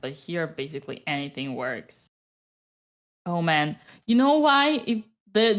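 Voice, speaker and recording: Excitable woman chess commentator. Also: low voice. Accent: Romanian. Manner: excitable, gasping, cheering at good moves. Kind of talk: live chess commentary to chat.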